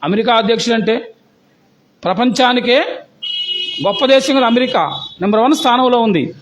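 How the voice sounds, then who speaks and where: A man's voice: very high-pitched, normal speed. A male pastor preaching a sermon, telling stories and firing rhetorical questions at the congregation in an emphatic, exhorting way. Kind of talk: sermon storytelling.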